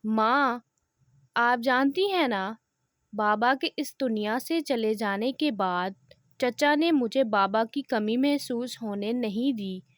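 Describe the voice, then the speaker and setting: एक महिला की आवाज़ में बदले पर अड़ा एक दृढ़ नौजवान, धीमी और ठहरी हुई बोली में अपनी बात पक्के इरादे से रखता है। आवाज़ ऊँची है और माइक के बिल्कुल पास, सूखी रिकॉर्डिंग में है।. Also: female voice, a little high, slow pace, dry recording, clean studio sound. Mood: resolute. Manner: firm, resolute speech. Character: determined young man bent on revenge. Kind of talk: audio novel reading.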